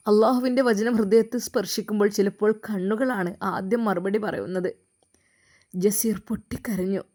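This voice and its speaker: A woman from Kerala narrating a religious story in a measured, earnest way. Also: mid-range voice, fairly even intonation, mellow.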